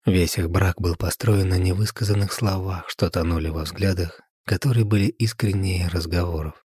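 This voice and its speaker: A man reads a story aloud in a calm, measured way. His voice is deep and very husky, and the recording is close and dry. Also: no room sound. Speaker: narrator. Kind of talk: audiobook reading.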